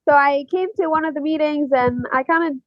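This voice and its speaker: A woman's voice: sits high, fairly quick, no echo, dull audio. Hesitant young woman from Algeria. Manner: hesitant, many fillers and soft laughs. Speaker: podcast guest. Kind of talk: casual interview chat.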